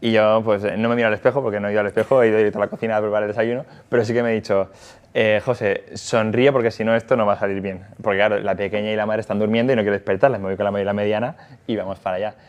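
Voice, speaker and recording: Fast-talking man, low voice, lo-fi sound. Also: level tone, a little mellow, clean tone. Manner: hesitant, many fillers and restarts. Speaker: factory worker and father. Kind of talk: casual conversation.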